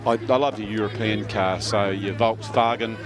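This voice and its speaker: A man giving relaxed live commentary on a junior football match at an outdoor ground, often pausing on "uh". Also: lowish voice, music in the background. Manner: chatty, relaxed, fond of filler pauses. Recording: outdoor commentary with loud traffic noise.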